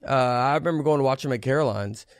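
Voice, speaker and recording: A stand-up comedian chatting on a podcast in a rambling way, with many halting restarts. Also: male voice, medium pitch, clear, resonant tone, dry recording, studio quality. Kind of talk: casual podcast chat.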